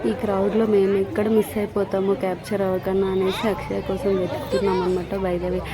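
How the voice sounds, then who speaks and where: Casual female vlogger, mid-pitched and conversational, heard over a loud fair crowd and blaring music. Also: monotone, fast. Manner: chatty, mixes English words into her talk. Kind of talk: casual vlog narration. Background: festival crowd and loud music.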